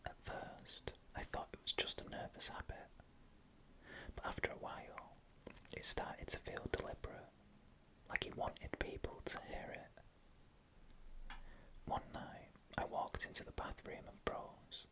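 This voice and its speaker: A person whispering scary first-person stories in a hushed, unvoiced ASMR narration from start to finish. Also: unhurried, low-quality recording. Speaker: storyteller.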